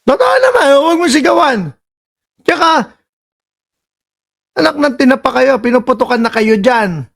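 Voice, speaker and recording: A man from the Philippines hosting political reaction commentary, sarcastic and animated, scolding the people in the clips and reading out viewer comments. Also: extremely high pitch, moderate pace, gravelly, long pauses.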